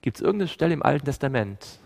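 A man's voice: mid-range voice, quick pace, vocal fry. A man preaching a Bible study sermon and asking his listeners questions as he tells the story. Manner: asks the audience questions, animated storytelling. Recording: long hall reverb.

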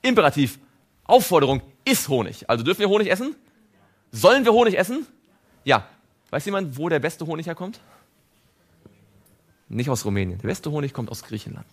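Animated man preaching a sermon. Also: fairly high pitch, fairly quick, long pauses. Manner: animated, asks audience questions.

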